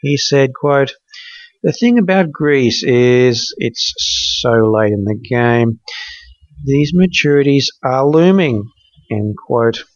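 A man reads financial news at an unhurried, deliberate pace, his voice at an ordinary middle pitch. The recording is dry and a little dull, like a lo-fi voice-over. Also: no room sound. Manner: measured, reads quotes aloud with "quote" and "end quote". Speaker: podcast news reader.

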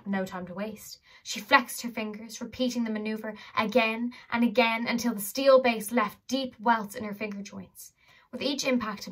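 A woman reading a children's fantasy novel aloud with lively, dramatic narration. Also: a little high. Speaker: audiobook reader. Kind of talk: storybook narration.

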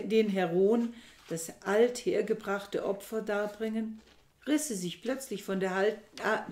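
A woman reading a novel aloud with measured, dramatic storytelling. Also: mid-range voice, a little mellow. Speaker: reader. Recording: echoey room.

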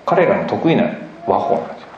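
A man giving an emphatic, animated public lecture with slides, often asking the audience questions. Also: on the low side, quick pace, slight background noise. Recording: echoey hall, dull lo-fi recording.

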